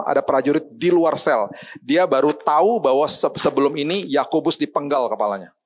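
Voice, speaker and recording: A middle-aged man, a pastor, preaching a sermon and telling a family story, sometimes slipping into English phrases and acting out the people he quotes. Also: medium pitch.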